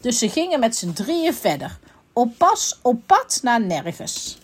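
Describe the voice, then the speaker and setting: A woman reading a children's story aloud in a playful, expressive way. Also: fairly high pitch, measured pace, slightly rough.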